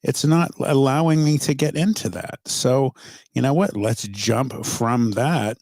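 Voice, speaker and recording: Male sports talk host, middle pitch, meandering and filler-heavy, dry booth sound. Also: a little mellow, no echo. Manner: rambling, halting with many fillers.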